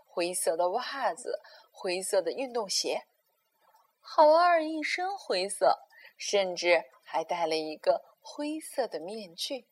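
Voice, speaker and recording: A woman storyteller reading a children's story aloud in a gentle, expressive way. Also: medium pitch.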